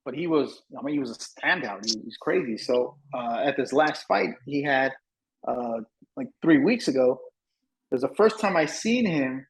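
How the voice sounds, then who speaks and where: A man co-hosting a podcast, telling a story in a casual, animated way, swearing and saying "bro" a lot. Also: medium pitch, normal speed, rough recording. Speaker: podcast co-host.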